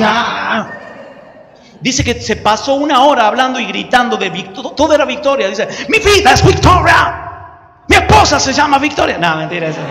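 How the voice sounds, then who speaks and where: A high-voiced Argentine man preaches, spinning a funny story in a lively, chatty way and acting out each scene. His voice carries a long reverb in a big, roomy hall. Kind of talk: humorous storytelling sermon.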